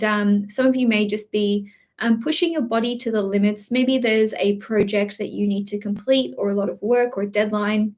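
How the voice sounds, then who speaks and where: A woman talking through a live horoscope reading in a loose, chatty way. She often stops for fillers and restarts her sentences, and she has a slight cough and keeps clearing her throat. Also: medium pitch. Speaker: astrology reader.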